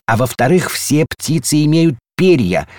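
A bossy, demanding geranium pot from a storybook, voiced by a man. It presses its questions in a raised, animated voice. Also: a little high, measured pace, no echo, studio quality, pitched above the performer's own voice.

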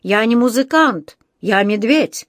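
Woman reader doing storybook young bear, polite and earnest, slow and sincere, a touch higher than her own voice. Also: expressive, no room sound, clean studio sound. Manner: earnest, unhurried. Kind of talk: storybook reading.

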